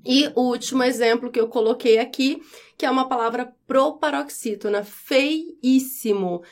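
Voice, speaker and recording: A woman teacher gives a grammar lesson. She explains methodically and repeats each example slowly and clearly. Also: a little high, steady tone.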